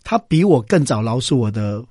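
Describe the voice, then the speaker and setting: A middle-aged man speaks, telling an earnest personal testimony in an interview. His pitch sits in the middle, and his talk is halting, with fillers and small restarts. The sound is close and dry. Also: big pitch swings, darkish tone, slightly rough, no room sound. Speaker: interview guest.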